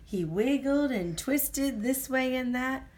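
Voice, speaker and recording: With a high, expressive voice, an adult woman gently reads a children's picture book at a slow pace, her tone rising and falling in sing-song fashion. She breaks off to point things out to a small listener at home.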